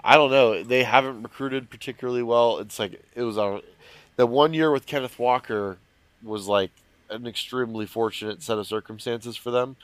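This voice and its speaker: A man's voice: mid-range voice, fairly even intonation, moderate pace, a bit bright, no room sound, rough recording. Congested man with a plugged-up, nasal voice. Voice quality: nasal, plugged-nose sound. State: congested, stuffed-up nose from allergies. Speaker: sports podcast analyst. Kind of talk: casual sports discussion.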